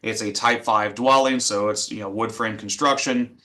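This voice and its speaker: A man's voice: on the low side, fairly even intonation, moderate pace, sharp tone. A man giving a methodical, instructional incident review as a fire training presenter.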